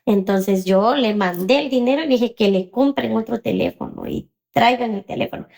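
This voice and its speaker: Gravelly-voiced woman, hesitant. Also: a little high, moderate pace, a little mellow. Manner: hesitant, many fillers and "¿verdad?" tags. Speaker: interview guest. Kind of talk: personal storytelling interview.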